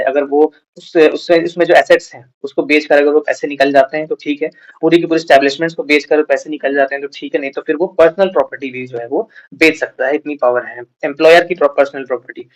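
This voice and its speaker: Male exam prep teacher, somewhat high pitch; reads points slowly, then explains them loosely. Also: muffled recording. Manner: reads English lines slowly, then explains casually with fillers. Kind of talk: lecture mixing Hindi and English.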